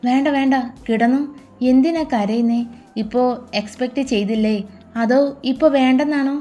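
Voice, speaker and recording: A woman voicing a teasing, tender young husband in a read-aloud romance story, in a soft, affectionate tone. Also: high-pitched, normal speed, natural voice.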